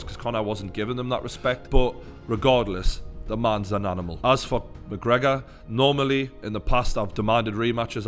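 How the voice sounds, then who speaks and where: Blunt, sweary Newcastle man. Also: lowish voice. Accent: Newcastle Geordie. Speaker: YouTube fight commentator. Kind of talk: opinionated reaction commentary.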